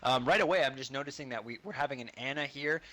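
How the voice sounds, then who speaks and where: A man's voice: mid-range voice, fast talker, fairly bright tone. A man giving explanatory color commentary on an esports match while losing his voice, breaking up his analysis with hesitant fillers.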